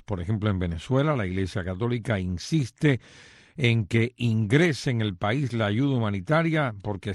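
Low-voiced male radio news anchor. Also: no echo, clean studio sound.

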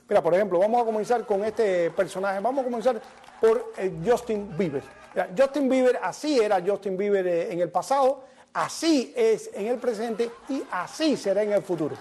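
High-voiced comedy show host. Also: male voice, warm tone. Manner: joking storyteller, punchline delivery. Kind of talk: stand-up comedy monologue. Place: television studio.

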